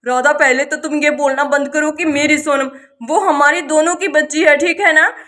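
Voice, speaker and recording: A woman's voice: sits high, steady tone, moderate pace, bright, forceful tone. A grumbling, sleepy husband, played by a woman. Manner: grumbling, scolding, then reassuring. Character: grumpy, sleepy village husband Shyam. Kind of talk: doll story voice acting.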